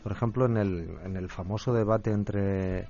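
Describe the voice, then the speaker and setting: A man's voice: fairly low pitch, fairly even intonation, moderate pace, mellow, lo-fi sound. A man speaking as a guest expert in a radio discussion, thoughtful and hesitant.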